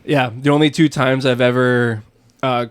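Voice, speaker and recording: A man's voice: mid-range voice, level tone, normal speed, clear, resonant tone, no room sound. A man co-hosting a podcast, chatting in a jokey, teasing manner. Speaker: podcast co-host. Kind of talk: casual chat.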